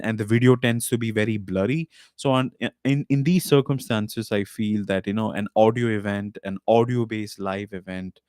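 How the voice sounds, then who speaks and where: Recorded cleanly at studio quality with no echo, a man with a medium-pitched voice hosts his podcast live stream from home through a desk mic. His talk is casual and loose, full of fillers and restarts.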